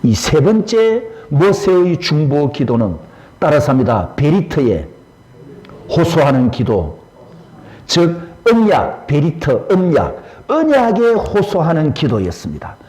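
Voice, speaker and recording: High-voiced male pastor preaching. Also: huge pitch swings, measured pace, a little mellow, poor audio. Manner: rhetorical questions, leads congregation reading aloud. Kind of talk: sermon.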